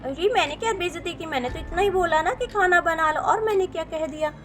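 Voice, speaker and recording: Quarrelsome village sister-in-law, defensive and snappish, very high; woman plays her for a doll video. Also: fairly quick, a bit bright, soft background music. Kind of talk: doll video role-play.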